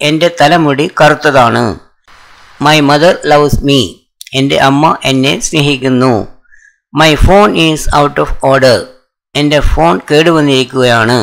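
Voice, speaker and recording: Male English tutor, Malayali accent, unhurried sentence-by-sentence drill. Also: on the high side, vocal fry, fairly bright tone, poor audio. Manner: reads each English sentence slowly, then the translation faster. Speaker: English teacher. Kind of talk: slow sentence drill with translations.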